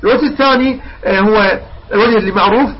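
A man's voice: high voice, rapid-fire, breathy edge, highs cut off. A man teaching Quran recitation rules, explaining patiently, repeating points and drawing out the recited examples. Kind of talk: recitation lesson.

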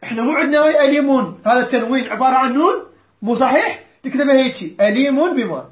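A man teaching Quran recitation rules to students, quizzing them, correcting their pronunciation and reciting verses in a slow, drawn-out way. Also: extremely high pitch, lively intonation, echoey room, muffled recording. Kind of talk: tajweed lesson to students.

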